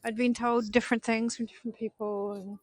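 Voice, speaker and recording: Walking outdoors through city streets at night, a New Zealand woman talks to her live-stream viewers in a casual chat. Her slightly high voice is flat and brisk, carrying a subdued, disappointed mood, and there's no echo on the recording.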